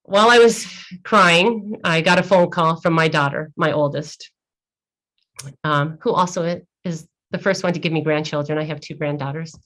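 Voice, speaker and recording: A woman's voice: low-pitched, moderate pace, a bit bright. A middle-aged woman guest telling a candid, emotional story in an interview, easily sidetracked. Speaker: guest entrepreneur.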